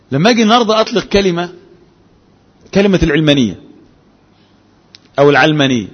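A man's voice: a little high, dull audio. Man, Egyptian accent, classroom lecture, rhetorical questions, slightly raised voice, long hall reverb. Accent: Egyptian Arabic. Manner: asks the class rhetorical questions, mixes formal and colloquial speech. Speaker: Islamic jurisprudence teacher.

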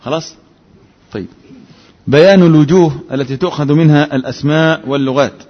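A man with an Egyptian accent teaches a jurisprudence class. He often checks with his students and answers his own questions, in a fairly high voice. The sound is dull and lo-fi, with long reverb from a hall. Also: a little fast. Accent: Egyptian Arabic. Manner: asks the class rhetorical questions, mixes formal and colloquial speech. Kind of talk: classroom lecture.

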